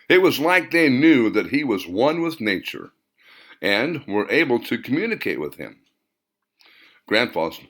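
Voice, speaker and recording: A man with a medium-pitched, fairly bright voice narrates an audiobook as an earnest male character. He tells nostalgic, dramatic memories of boyhood summers spent with Grandpa.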